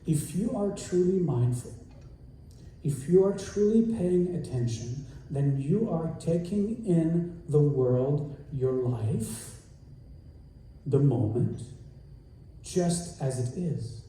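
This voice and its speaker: A man delivers a sermon slowly and earnestly, leaning on repeated phrases. His voice is dark and mellow. It is picked up from a distance in a very echoey room. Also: a little high, expressive. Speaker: rabbi, guest speaker.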